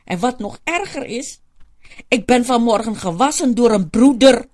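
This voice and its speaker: A woman's voice: a little high, animated, moderate pace, a little mellow, pitched above the performer's own voice. A woman voicing a bashful, upset woman in a hospital bed, speaking in a whiny, plaintive way.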